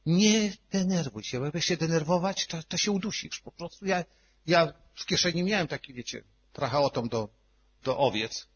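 A male pastor telling a personal testimony in a sermon, emotional, swinging between hushed and loud. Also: on the high side, animated, normal speed, slightly rough, dull audio.

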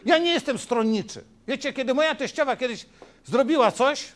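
A middle-aged male pastor preaches with a high-pitched, animated voice that climbs and drops with emphasis. He drives each point home and keeps checking in with his listeners through short rhetorical questions. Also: moderate pace. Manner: emphatic, asks the congregation "tak?" and "wiecie?". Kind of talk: sermon.

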